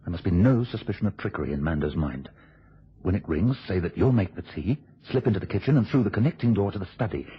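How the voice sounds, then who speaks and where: In a muffled, dull old radio drama recording, an actor plays a controlling, quick-thinking husband coolly plotting a deception, giving instructions with quiet, scheming urgency and hushed asides to an accomplice. His full character voice is male, low, husky, animated and fast.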